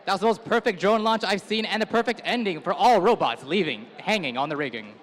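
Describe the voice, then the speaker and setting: A man's voice: high-pitched, expressive, fairly quick, fairly bright tone. A man co-commentating a live competition as a hype announcer, trading calls with his partner. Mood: excited.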